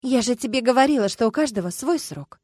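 An anxious, determined young woman, as a narrator puts her on in an audiobook, pitched up, urgent and pleading. The sound is dry and close. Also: lively intonation, fairly quick, a little mellow, husky, no room sound. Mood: insistent.

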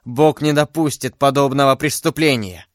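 A man voicing a grave, brooding nobleman who speaks in a low, trembling hush. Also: moderate pace, dry recording, clean studio sound, lightly acted. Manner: hushed, trembling.

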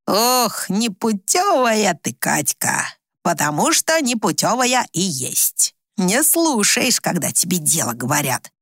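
Hoarse bossy old village woman voiced by a woman reader, blunt and crude, lively up-and-down pitch. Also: slow pace, no room sound, studio quality, exaggerated voice. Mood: scolding. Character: coarse bossy older village woman, scheming.

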